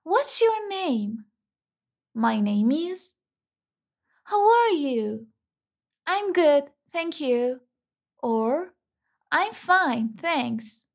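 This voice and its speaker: Brief: a woman teaching basic English, high-pitched, a little gravelly, careful model phrases. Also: sing-song, drawn-out words, long pauses. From Iran. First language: Persian. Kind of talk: scripted language lesson.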